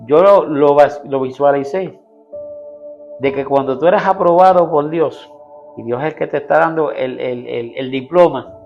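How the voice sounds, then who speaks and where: A man's voice: a little high, a little slow, vocal fry, highs cut off, faint music behind. A man, a pastor, telling his personal testimony in an interview, earnestly, acting out what people said to him. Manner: earnest storytelling, acting out quoted dialogue.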